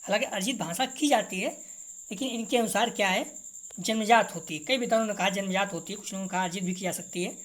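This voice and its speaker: A woman teacher with a mid-range voice talks at a quick pace, reading out multiple-choice exam questions and their answers. She repeats each correct answer and speaks to her students in a relaxed, direct way.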